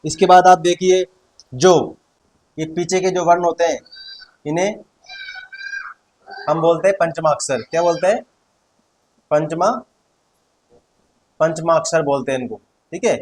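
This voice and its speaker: A male teacher gives a Hindi grammar lesson on consonants, saying each sound aloud several times and patiently checking in with "theek hai." His voice is fairly high, a little mellow, and fairly even in tone, and he speaks a little slowly with frequent pauses. The recording quality is low.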